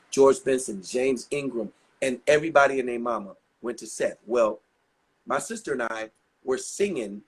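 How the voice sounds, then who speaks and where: Older man, husky voice, chatty rambling storyteller, interview guest. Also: medium pitch. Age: 60s. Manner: chatty, rambling anecdotes with many asides. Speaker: guest singer.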